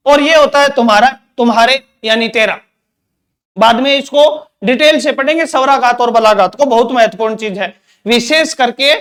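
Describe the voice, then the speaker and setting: A man's voice: very high voice, a bit bright. A man teaching Hindi grammar in an exam-prep lecture, repeating points and quizzing with rhetorical questions.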